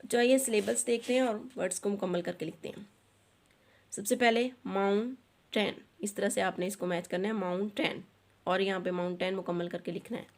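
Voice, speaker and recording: Woman tutor, mid pitch, reads English slow then explains fast. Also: steady tone, darkish tone. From Pakistan. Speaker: teacher. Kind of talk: online textbook lesson.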